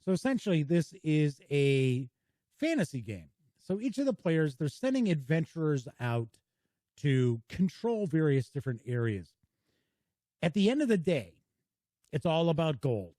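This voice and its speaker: A man hosts a casual board game review in a folksy, welcoming way, his pitch swinging widely and expressively. His voice is a little high yet mellow and dark, and he keeps a measured pace. The recording is dry, from a small home studio with no room sound.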